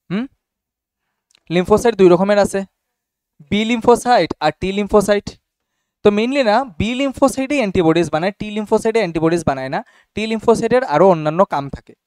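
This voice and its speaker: A man's voice: high-pitched, darkish tone, smooth, no room sound, clean studio sound. A young man teaching a class casually and often checking whether students follow. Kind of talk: classroom biology lesson.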